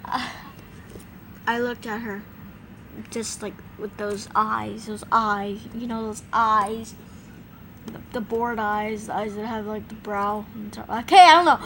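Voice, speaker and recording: A woman's voice: mid-range voice, steady tone, measured pace, fairly bright tone, slight background noise, rough recording. A woman telling an improvised first-person scary story, rambling with fillers and restarts.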